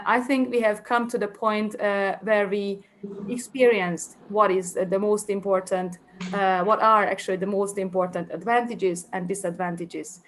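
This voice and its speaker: In a mid-range voice with a little hiss or hum in the recording, a Hungarian conference presenter delivers an academic talk. Her speech is hesitant, full of fillers and fresh starts while she works through her thoughts aloud.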